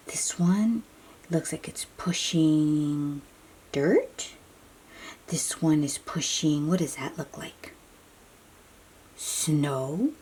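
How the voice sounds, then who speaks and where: In a low voice, a woman hosts a picture-book reading for young children, asking them questions and explaining things simply. She often slips into a breathy near-whisper.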